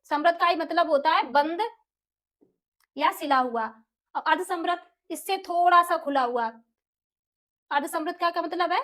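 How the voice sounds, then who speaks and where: A young woman teaching an exam-prep Hindi lesson, asking questions and answering them herself, repeating key terms and sounding out vowels slowly. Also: extremely high pitch, a bit bright. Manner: addresses viewers as friends, asks and answers own questions.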